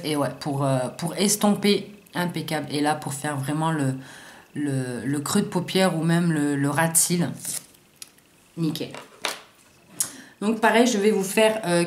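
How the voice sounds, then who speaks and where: A woman doing a casual makeup haul video, talking in slangy, excitable bursts and swearing freely as she tests colours and trips over English names. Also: low-pitched. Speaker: beauty vlogger. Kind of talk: casual haul review with swatches. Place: sunny room at home. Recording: roomy echo, faint background hiss.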